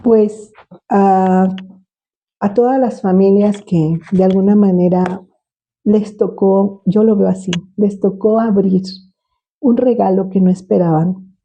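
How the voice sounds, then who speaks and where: An older woman with a Mexican accent, a retired special education teacher telling her life story in an interview, reminiscing warmly with frequent laughter. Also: medium pitch, steady tone, slow pace, highs cut off. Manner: warm reminiscing, laughs often.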